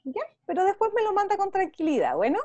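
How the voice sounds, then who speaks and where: A woman teacher with a Chilean Spanish accent, leading young children through an online art class over a video call. Her voice sits high and swoops up and down as she encourages them, with a dry, close sound and no room echo. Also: huge pitch swings, quick pace, darkish tone, muffled recording. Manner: encouraging, checks in often with "¿ya?". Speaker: visual arts teacher.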